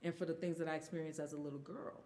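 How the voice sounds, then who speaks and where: A woman's voice: sits low, steady tone, very fast, warm tone, long reverb tail. A woman in her thirties telling a personal story candidly in a casual chat as a guest. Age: 30s. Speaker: guest singer.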